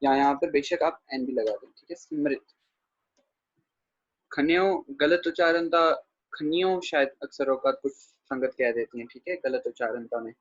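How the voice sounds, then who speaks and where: A man teaching a pronunciation lesson online, patiently repeating words slowly and checking in with students by name. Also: medium pitch, fairly even intonation, slightly rough, no echo. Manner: patient, repeats words slowly to model pronunciation, says 'theek hai' often; addresses students by name, answering their questions. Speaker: Gurbani grammar teacher. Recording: dull dry lo-fi audio.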